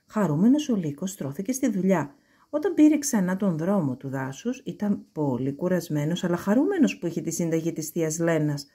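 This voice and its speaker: A woman reads a children's story aloud with expressive, animated delivery. Her intonation swings widely and her voice is husky. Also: lowish voice.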